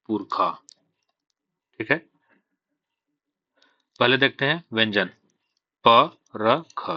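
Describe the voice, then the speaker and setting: This man teaches shorthand extremely slowly in an expressive, medium-pitched voice, using Hindi sprinkled with English terms. He works through it step by step, asking himself questions before answering. The audio is dull, without echo.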